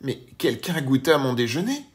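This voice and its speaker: A man voicing a gentle mother bear in a children's storybook, with a soft, slightly raised voice. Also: medium pitch, very animated, fairly quick, slight background noise, pitched above the performer's own voice, close to an everyday voice. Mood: surprised.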